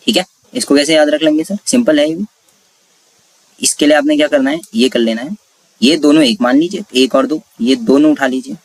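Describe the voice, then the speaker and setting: A man's voice: on the high side, dry recording. A man teaching a Hindi grammar lesson for exam preparation, explaining step by step and asking and answering his own questions. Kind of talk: exam-prep classroom lesson.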